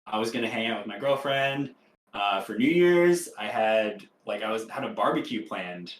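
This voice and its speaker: A man's voice: lowish voice, lively intonation, normal speed. A laid-back man co-hosting a casual podcast with dry humor. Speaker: podcast co-host. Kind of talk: casual chat. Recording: roomy echo.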